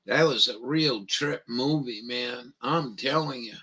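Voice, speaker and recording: A man's voice: medium pitch, measured pace, bright, forceful tone, breathy edge, low-quality recording. A man with a Maine accent, hosting a livestream in crude, joking, rambling chat and mockingly reading things aloud. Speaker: livestream host.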